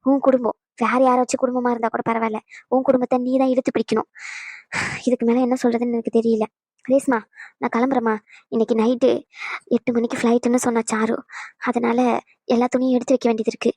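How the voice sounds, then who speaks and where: A woman's voice: fairly high pitch, fast, long pauses, no echo, close to an everyday voice. A woman voicing a firm, reproachful old grandmother. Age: older. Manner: steady, reproachful, lecturing. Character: elderly grandmother, calm, firm, leaving home. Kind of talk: cartoon voice acting.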